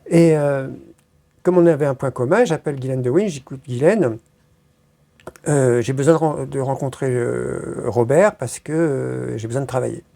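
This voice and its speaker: A woman's voice: a bass voice, moderate pace, creaky, warm tone. A woman being interviewed, telling stories in a rambling casual way, with many hesitations and crude slang. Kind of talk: casual storytelling.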